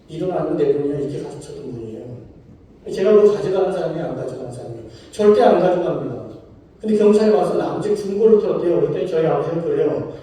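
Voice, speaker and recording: Man, pastor, sermon, questions to the congregation, mellow, distant roomy church sound. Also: high-pitched. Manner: storytelling, asks congregation questions. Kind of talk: sermon with personal story. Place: church sanctuary. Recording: roomy hall, from far off.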